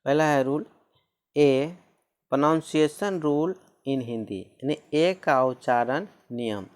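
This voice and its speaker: A man's voice: mid-range voice, slow pace. A man teaching a lesson on pronunciation rules, repeating each rule and spelling out words letter by letter.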